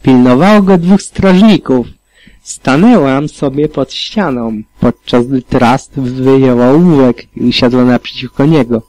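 Mężczyzna narrator czytający audiobook z przejęciem, w pierwszej osobie. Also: male voice, mid-range voice, a little slow, dark tone, no room sound, rough recording. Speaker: audiobook reader. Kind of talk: audiobook narration of fan fiction.

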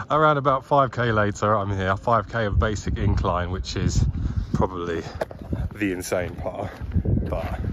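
Here a chatty, enthusiastic man with a voice on the low side vlogs about travel and cars, stumbling through plenty of fillers and restarts. He narrates casually by lakes and inside a car, holding the camera at arm's length, and heavy outdoor and vehicle noise runs through the audio.

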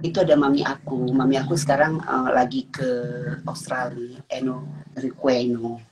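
A woman's voice: rumbling low, level tone, moderate pace, heavy background noise. A woman hosting a phone livestream from a bedroom, chatting casually and teasing her guests with flirty banter. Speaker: livestream host. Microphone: phone front camera.

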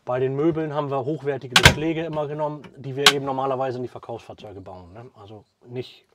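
A man, explaining the camper cabin he builds in a quick, matter-of-fact way, often adding a questioning "ne?" and letting his sentences trail off quietly. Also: medium pitch, heavy background noise. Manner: fast, trailing off at sentence ends, frequent tag "ne?". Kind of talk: explaining a product in an interview. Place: inside a small pickup camper cabin.

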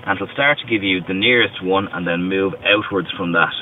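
A man's voice: sits low, moderate pace. A man in his thirties, inside a parked car, patiently explaining car features step by step, recorded from some distance on a tinny, lo-fi device. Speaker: car company representative. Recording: distant, tinny, lo-fi with faint noise.

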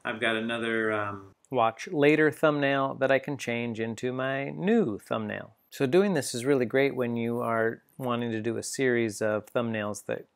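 A man giving a relaxed, step-by-step screen-recorded software tutorial as a teacher. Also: mid-range voice, moderate pace, creaky, hardly any pauses.

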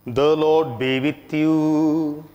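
Male priest, solemn measured gospel reading, slightly high voice, cathedral echo with long reverb. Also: level tone, mellow, dull audio. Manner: slow, measured, solemn proclamation. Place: large church. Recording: long church reverb from a distance.

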